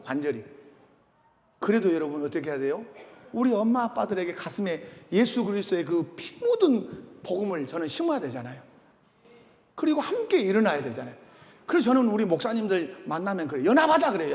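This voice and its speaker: A man's voice: sits high, gravelly. A middle-aged man preaching a sermon in a church, calling out questions to the congregation. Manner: animated, calls out questions to congregation. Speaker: pastor. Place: church sanctuary. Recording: long church reverb.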